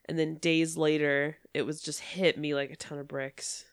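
A woman's voice: low voice, little pitch movement, normal speed, clear, resonant tone. A woman hosting a casual podcast, giggly and chatty, congested with a cold and a blocked nose. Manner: giggly, frequent filler "like". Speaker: podcast host.

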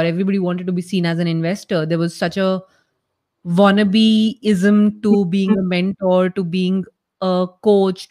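A woman's voice: mid-range voice, a little mellow. A woman with a North Indian accent giving conversational interview answers, explaining her points emphatically and restating them in parallel phrases. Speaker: startup founder, interview guest.

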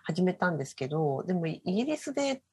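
A woman co-hosts a casual podcast chat. Her voice is a little breathy and swings up and down expressively, and she nods along often as she listens. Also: on the low side, sing-song, fast talker, a little mellow. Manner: attentive, frequent back-channel nods. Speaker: podcast co-host.

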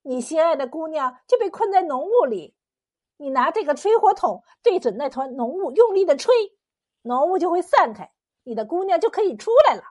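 A woman's voice: high voice, very animated, normal speed, darkish tone, pitched above the performer's own voice. A woman voicing a scheming elderly goddess queen in a storybook tale, talking sweetly to trick a young scholar. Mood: coaxing. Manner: sweet-talking, sly and coaxing.

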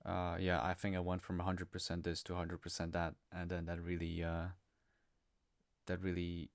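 This is a young man from the Czech Republic with a notably low voice, speaking as a podcast guest. He talks casually and hesitantly, padding his sentences with fillers. The sound is dry and close. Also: monotone, normal speed, dry recording. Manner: hesitant, full of fillers and restarts. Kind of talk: casual personal conversation.

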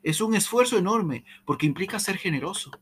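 A man giving a motivational talk on communication, checking in often with "¿sí?", repeating and stumbling over words, with dramatic swings in pitch. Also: fairly quick, breathy edge. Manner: repeats "¿sí?" to the audience, animated. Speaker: speaker on communication.

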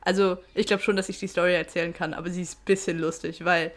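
A woman's voice: on the low side, level tone, quick pace. Young woman telling stories casually. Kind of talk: casual, anecdotal chat.

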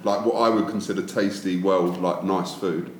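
A man's voice: deep voice, fairly even intonation, moderate pace. A man chatting casually as a guest. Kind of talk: casual chat. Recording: very echoey room, faint noise.

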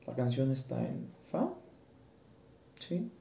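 A man's voice: medium pitch, big pitch swings, slow pace, creaky, mellow. A young man with a Mexican accent, chatting hesitantly on his own podcast as a singing student, with lots of fillers. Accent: Mexican Spanish. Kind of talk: casual solo podcast talk. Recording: echoey room with faint background noise.

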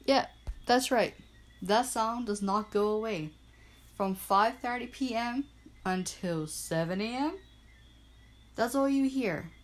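With frogs and crickets chirping in the night air, a young woman from Bermuda talks solo on her small podcast. She grew up speaking both Portuguese and English, and her slightly high voice stays cheerful and self-mocking as she slowly spells words out.

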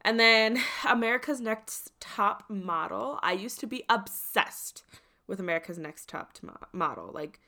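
A woman's voice: medium pitch, lively intonation, a little slow, sharp tone. A young woman co-hosting a casual podcast chat, gushing and emphatic about the shows she loves. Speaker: podcast co-host.

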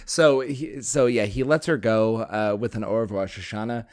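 A man's voice: on the low side, moderate pace. A man co-hosting a podcast, recapping a film plot in casual chat with a wry, profane humor. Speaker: podcast co-host.

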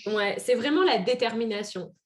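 A woman's voice: fairly high pitch, animated, normal speed. Earnest French woman telling her story. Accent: French, picked up some Québécois. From France. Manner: earnest, many fillers and restarts. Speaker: guest. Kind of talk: casual podcast interview.

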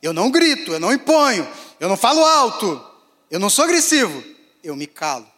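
A male pastor preaching a sermon, swinging between raised, emphatic phrases and hushed, quiet ones. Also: high voice, big pitch swings, a little fast. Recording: long hall reverb.

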